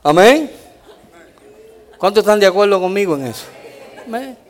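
A male pastor delivers a sermon at a church, telling his stories in a lively, animated way. His voice sits high for a man, and he keeps punctuating his points with amens. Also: moderate pace. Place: church in the United States.

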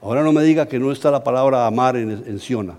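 Mellow-voiced Colombian pastor telling a story. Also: male voice, mid-range voice, fast talker. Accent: Colombian Spanish. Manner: animated, humorous storytelling. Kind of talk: storytelling sermon.

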